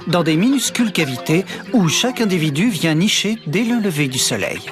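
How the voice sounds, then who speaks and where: An actor playing an earnest nature documentary narrator, with a solemn, measured storytelling delivery. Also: male voice, high-pitched, sing-song, music in the background. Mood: solemn, fascinated.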